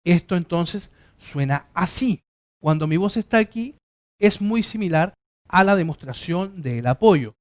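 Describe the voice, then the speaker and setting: Man teaching singing, high-pitched, explaining slowly. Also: animated. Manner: explanatory, repeats points in several words. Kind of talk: vocal lesson with sung demonstrations.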